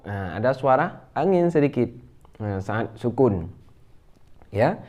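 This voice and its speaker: A man with an Indonesian accent teaching Quran letter pronunciation, speaking slowly and patiently and breaking into raised, drawn-out recitation for examples. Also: mid-range voice, expressive, darkish tone. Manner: slow, patient, drawls sounds and recites in a raised chanting voice. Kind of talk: tajwid lesson on letter articulation.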